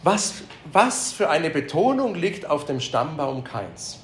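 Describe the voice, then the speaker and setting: A man leads a Bible lesson before a live group, his slightly high voice swinging widely up and down as he quizzes them and echoes back their answers. The room is echoey, with a faint hum of ambience behind him. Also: big pitch swings, slow pace. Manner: keeps asking the group questions, repeats their answers; emphatic repetitions. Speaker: Bible study teacher.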